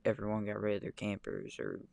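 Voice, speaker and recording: A man's voice: fairly low pitch, big pitch swings, a little fast, gravelly, darkish tone, dry recording. A young man in a casual chat with his sister, laid-back, with many short agreeing replies. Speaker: podcast co-host.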